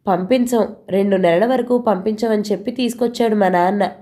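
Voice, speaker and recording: A woman's voice: medium pitch, brisk, warm tone, close to an everyday voice. A woman voicing a mocking sister-in-law. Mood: taunting. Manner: taunting, scornful. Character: mocking sharp-tongued young sister-in-law.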